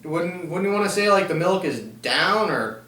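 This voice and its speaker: A man with a slightly high voice works as co-host in a casual, comic chat. He puts questions in a playful, querying way. He is heard in an echoey room, a little away from the microphone. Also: animated, moderate pace, pushed and bright. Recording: roomy, echoey, distant microphone.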